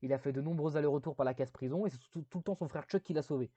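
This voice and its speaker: A man's voice: a little high, racing, dark tone, no echo, lo-fi sound. A man giving a casual spoken video review, rambling with many fillers and self-deprecating asides.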